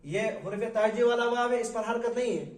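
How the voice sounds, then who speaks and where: A man with a high voice leads a Quran reading lesson, stretching out each letter sound and firing questions at his pupils. He sits some distance from the microphone in a room with a strong echo. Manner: questioning, drawn-out recitation of letters. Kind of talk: classroom lesson. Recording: echoey room, mic far off.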